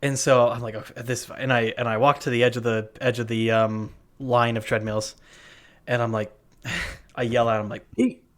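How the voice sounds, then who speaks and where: A man's voice: medium pitch, little pitch movement, normal speed. A man co-hosting a podcast, telling a story in casual chat, full of fillers and restarts. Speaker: podcast co-host. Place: worked at a gym front desk.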